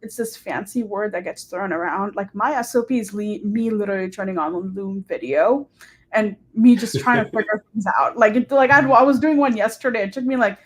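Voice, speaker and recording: This guest on a live-streamed interview is a young woman who hosts short-term rentals and manages a hotel. She talks a little fast at a medium pitch, staying chatty and upbeat with frequent "like" and "um" fillers.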